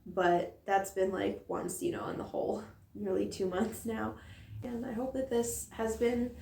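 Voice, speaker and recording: Recorded on a distant mic with roomy echo and slight background noise, a mother delivers a candid personal vlog monologue at a measured pace. Her mid-range voice is gravelly and warm yet strained by a sore throat, and she rambles earnestly with plenty of fillers.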